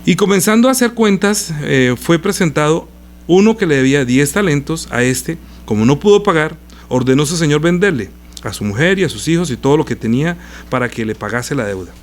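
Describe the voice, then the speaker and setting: A man's voice: fairly high pitch, animated, brisk. Man preaching with rhetorical questions, faint hum. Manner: reads scripture aloud and breaks off to explain with rhetorical questions. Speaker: pastor. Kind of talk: sermon with Bible reading.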